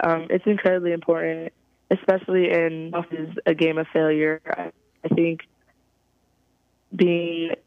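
A young woman from California, a college softball player, giving halting, thoughtful interview answers over a phone call. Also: on the low side, no echo. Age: young adult. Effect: heard over a phone call. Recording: tinny, dry phone line.

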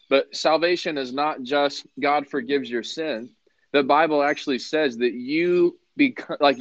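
A man's voice: fairly high pitch, no room sound, muffled recording. A man preaching on a live broadcast, earnest and conversational as he quotes scripture.

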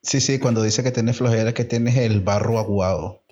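A Venezuelan man co-hosting a podcast, playful and animated in casual chat. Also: on the low side, normal speed, slightly rough, dull audio. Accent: Venezuelan Spanish. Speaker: podcast co-host.

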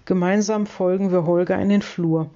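Mellow audiobook reader. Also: mid-range voice, steady tone, normal speed, highs cut off. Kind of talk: first-person children's book narration.

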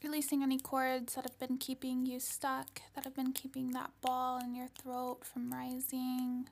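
A woman leading an ASMR-style guided healing meditation in a serene, soothing voice, breathy and often whispered. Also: high-pitched, completely flat delivery, a little hiss or hum. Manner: serene, soothing, slow and gentle delivery.

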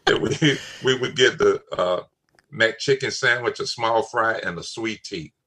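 A man's voice: on the low side, unhurried, heavy background noise. An older man, talking in a casual family chat, emphatic and repeating his key phrases. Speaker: father on a family talk show.

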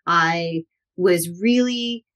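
A woman in her forties, a guest in an interview, telling lively anecdotes and acting out the people she quotes. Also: on the low side, drawn-out words. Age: 40s. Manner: animated, acts out quotes with shifting voices. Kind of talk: storytelling interview.

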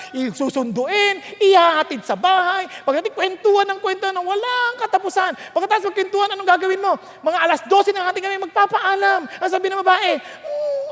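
A woman preaching a sermon, telling lively stories, acting out voices and laughing often. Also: very high voice. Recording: long hall reverb.

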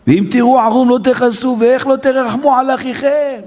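A man's voice: extremely high pitch, steady tone, darkish tone, voice pushed up. A man voicing a young man who pleads desperately and tearfully from a pit. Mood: beseeching. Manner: tearful, begging.

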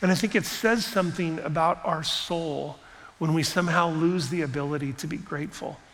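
A man's voice: fairly high pitch, moderate pace, fairly bright tone, in a large hall. A man preaching a sermon as pastor, in a conversational, musing way with many asides.

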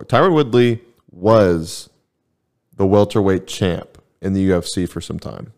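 A man's voice: sits low, a little mellow. A man hosting a podcast, chatting casually and telling rambling stories in a laid-back way. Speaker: podcast host. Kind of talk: casual chat.

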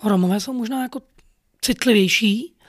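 A man's voice: sits high, fairly bright tone, no echo, clean studio sound. A man telling a personal story in an earnest, rambling way, full of fillers. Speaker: podcast storyteller.

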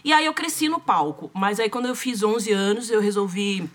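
A woman's voice: medium pitch, normal speed. A young Brazilian woman with a Brazilian Portuguese accent, a singer telling stories in a casual chat and laughing often. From Brazil, São José dos Campos. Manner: laughing often, animated, slangy. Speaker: singer guest.

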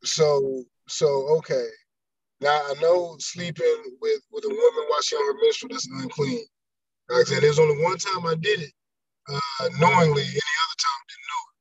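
A man on an online call in a casual group discussion, his audio breaking up and turning robotic, halting and repeating words as he starts. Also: a little high, huge pitch swings, gravelly, soft background music. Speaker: call-in participant in a scripture study. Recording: dull, dry call line.

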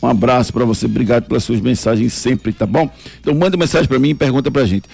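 A man from Pernambuco hosting sports radio, teasing his co-host in quick casual banter. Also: mid-range voice, gravelly, darkish tone, husky, faint music behind. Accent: Pernambuco Portuguese. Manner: teasing, quick, mock-indignant.

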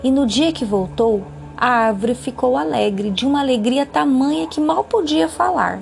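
Gravelly-voiced woman reading a story. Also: high-pitched, a little hiss or hum. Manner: calm, measured narration. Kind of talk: reading a children's story aloud.

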